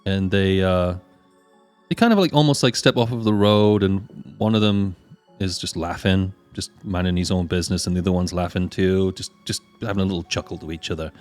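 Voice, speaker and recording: A man's voice: low voice, brisk, a little mellow, clear, resonant tone, soft background music. A man improvising tabletop game narration as game master, informal and meandering in his delivery.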